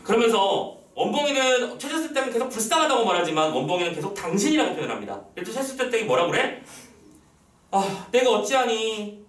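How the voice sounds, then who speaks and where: A male teacher giving an online lesson, quizzing his students with quick rhetorical questions and acting out lines from the text. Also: sits high, sing-song, a bit bright. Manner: reads the text's lines aloud in acted voices. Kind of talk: online lecture. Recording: roomy echo, a little far from the mic.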